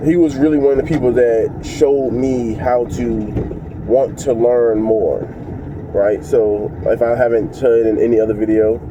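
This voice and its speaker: A man with a congested voice, chatting loosely to his viewers with lots of fillers and restarts while he drives. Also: lowish voice. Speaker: vlogger. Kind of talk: casual talk to viewers while driving. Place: inside a moving vehicle. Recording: dull lo-fi sound with loud road noise.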